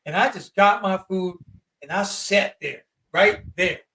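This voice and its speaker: A man in his fifties with a notably high voice, talking as an interview guest. His delivery is animated and slangy, and he leans hard on his points. He sits a little back from the microphone. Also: unhurried, recorded from a distance, rough recording. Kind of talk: casual storytelling.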